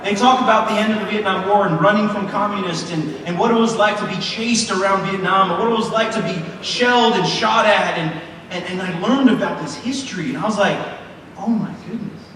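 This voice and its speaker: A man in his thirties preaches in a large church hall, his high, slightly bright voice moving a little fast as he tells a personal story full of fillers and restarts. The recording is echoey, captured from far off in the hall.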